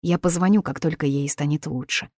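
Woman reading a tender young man, soothing yet hurried, low mellow voice. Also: no room sound, studio quality.

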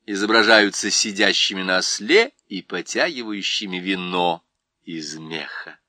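A man narrating a storybook, expressive and unhurried. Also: low-pitched, no room sound, studio quality. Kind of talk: storybook reading.

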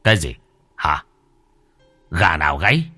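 A man voicing a gruff, irritable middle-aged village husband who scolds in curt sentences. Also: a bass voice, very animated, measured pace, pushed and bright, no room sound, soft background music, heavily acted.

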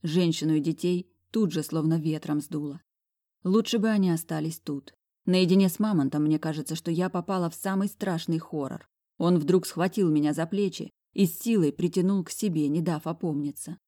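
Woman narrating a novel, low voice. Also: moderate pace. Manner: expressive, sharp retorts in dialogue. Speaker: audiobook narrator. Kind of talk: first-person novel reading.

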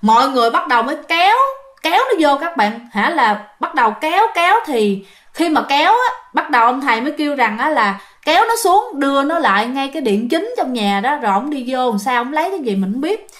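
Female storyteller, Southern Vietnamese accent, high-pitched, casual and chatty, addressing the audience. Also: sing-song, a little fast, fairly bright tone. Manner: chatty, addresses listeners directly. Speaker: ghost story narrator.

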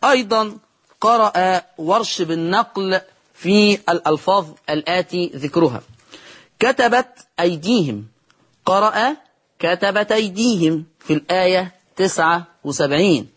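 A man with an Egyptian Arabic accent teaching Quran recitation in a televised lesson, patient, addressing viewers directly, slowing down to chant example words before explaining each rule. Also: high voice, expressive, fairly bright tone, husky.

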